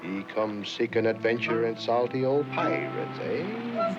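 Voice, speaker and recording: A man playing a gruff old salty pirate seafarer who gives ominous warnings in a theatrical theme park narration. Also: medium pitch, big pitch swings, a little slow, dull audio, over loud music.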